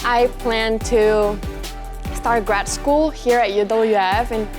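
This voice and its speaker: A woman's voice: on the high side, fairly even intonation, slow. Young woman from Ecuador over music. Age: young adult. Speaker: student athlete. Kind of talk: interview talk. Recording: music bed underneath.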